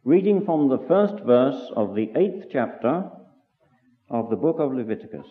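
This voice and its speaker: A man giving a solemn, measured scripture reading at a religious meeting, heard on an old tape recording made in a meeting hall. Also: mid-range voice, big pitch swings. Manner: measured, declaiming delivery. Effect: old 1963 tape recording. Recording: tinny old recording, long hall reverb.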